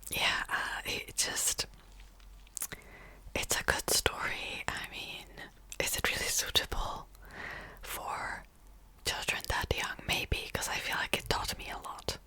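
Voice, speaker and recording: Closing out a whispered ASMR reading, a woman from the Czech Republic, whose first language is Czech, speaks in a slow, soft, unvoiced whisper, rambling with little laughs. The recording quality is low.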